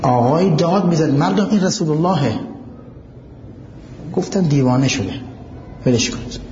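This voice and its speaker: A male preacher gives a religious lecture, reciting Arabic passages and explaining each one. His voice sits at a middle pitch but swings widely. The sound carries a long hall reverb and comes through a dull, muffled recording with faint background noise. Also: animated, warm tone. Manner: recites Arabic quotes and explains them, asks the audience questions.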